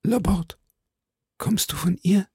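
A man's voice: medium pitch, moderate pace, creaky, dry recording, studio quality, close to an everyday voice. Buckingham, a man reading as a haughty duke. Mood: faint dying. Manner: outbursts rising to shouts, fading to whispers when dying. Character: haughty English duke, alarmed then dying. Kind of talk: audiobook reading.

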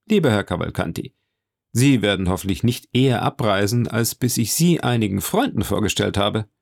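A man doing a low, commanding count. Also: lively intonation, moderate pace, gravelly, no echo, clean studio sound. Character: calm, commanding aristocratic male count.

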